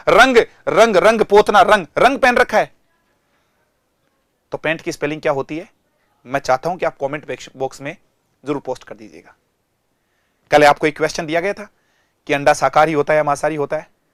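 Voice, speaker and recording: A man with an Indian accent teaching an online language lesson in a lively, teasing, mock-exasperated way. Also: high voice, no room sound, clean studio sound.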